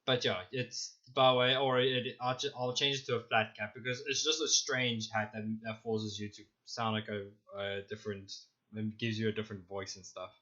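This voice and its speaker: A man's voice: fairly low pitch, level tone, moderate pace, sharp tone, highs cut off. A young man narrating as dungeon master on a stream, talking in a loose, rambling, self-mocking way. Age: young adult. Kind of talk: narrating a tabletop game on stream.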